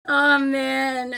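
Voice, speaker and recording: A woman's voice: high-pitched, creaky, fairly bright tone. A young Australian woman chatting on a live stream, rambling and swearing, laughing often and close to tears. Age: young adult. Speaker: livestreamer. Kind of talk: casual live stream chat. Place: downstairs room at home.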